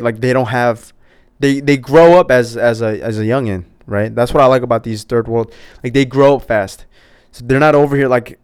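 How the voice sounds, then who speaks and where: A young American man telling stories in a casual, laid-back way, swearing freely and filling pauses with "um" and "like". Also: mid-range voice, clear, resonant tone, no echo, studio quality. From United States. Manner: laid-back, profane, many fillers and restarts. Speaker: podcast host. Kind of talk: casual storytelling.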